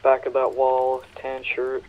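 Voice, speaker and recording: A man making brisk, clipped police radio calls as an officer in a roleplay game. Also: mid-range voice, completely flat delivery. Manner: clipped, brisk call-sign codes. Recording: muffled radio with faint hiss.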